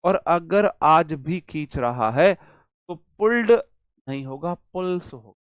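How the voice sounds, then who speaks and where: A man from India teaching an English grammar class, speaking slowly and emphatically, drawing out example words and asking questions he answers himself. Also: fairly high pitch, no echo. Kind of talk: classroom lecture.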